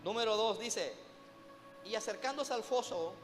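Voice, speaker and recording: Male preacher, high voice, emphatic sermon, long church reverb, faint music behind. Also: lively intonation, measured pace. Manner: emphatic, repeatedly calling out "hermano" to the congregation.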